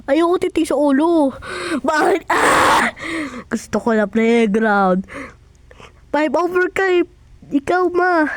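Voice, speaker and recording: A woman acts out a one-person comedy skit in a high voice. She is excitable and whiny, often yelping and shouting. Her speech is slow and drawn out, and the sound is close and dry. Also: no echo. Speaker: skit creator.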